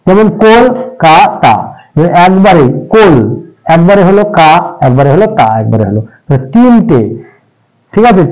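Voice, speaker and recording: A man's voice: sits high, a little mellow, poor audio. Patient man teaching in a raised voice. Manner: patient, repeats each point, stretches out example words slowly. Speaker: English grammar teacher. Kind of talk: classroom-style explanation in Bengali.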